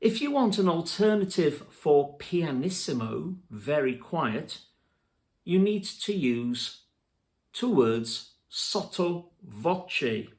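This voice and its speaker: Slow, deliberate man teaching. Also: fairly high pitch, sing-song, darkish tone. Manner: slow, deliberate, spelling out terms letter by letter. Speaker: music theory teacher. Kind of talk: scripted lesson narration.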